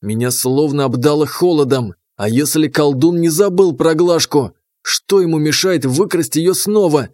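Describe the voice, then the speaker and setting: A man's voice: on the high side, normal speed, few pauses, a little mellow, no room sound. Wry male audiobook narrator, dry close sound. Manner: wry, coarse inner monologue. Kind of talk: first-person audiobook narration.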